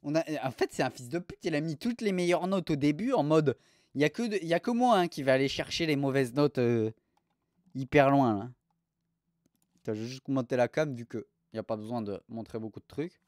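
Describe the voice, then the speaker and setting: A young man streaming live, mocking restaurant reviews in a crude, animated way. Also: mid-range voice, a little fast, no echo, clean studio sound.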